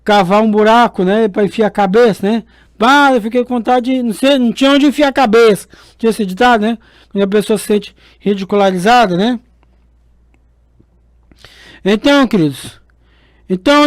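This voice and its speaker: Casting note: a high-voiced man, a priest giving a homely radio sermon with lots of tag words. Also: dry recording. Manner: chatty, fond tags like "né" and "queridos". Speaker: priest and radio show host. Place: radio studio.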